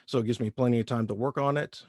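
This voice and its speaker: A man's voice: medium pitch, fairly even intonation, fast, dry recording, studio quality. A man in his thirties from Indiana with a light rural Midwestern twang, chatting easygoing as a voice actor guest. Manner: easygoing, rambling with restarts. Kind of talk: casual interview.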